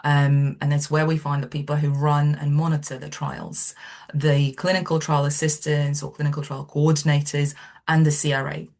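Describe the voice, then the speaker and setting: Low-voiced woman from Romania presenting. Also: flat delivery, moderate pace, gravelly, darkish tone. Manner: hesitant, many ums. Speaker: recruiter. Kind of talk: webinar presentation. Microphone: video call.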